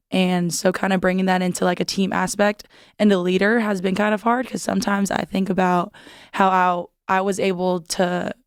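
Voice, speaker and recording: A woman's voice: fairly low pitch, smooth, no room sound, studio quality. A young woman, a volleyball player, chatting as a guest in an interview, with many "like" fillers and frequent laughs. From United States. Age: young adult. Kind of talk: casual interview chat.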